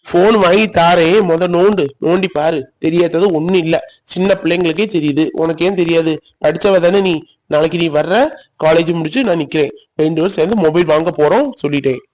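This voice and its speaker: A man voicing a hurt, insistent young man in an animated village drama, with a sulky, pushy, coaxing way of talking. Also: fairly high pitch, a little fast, natural voice, rough recording. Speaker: cartoon voice actor.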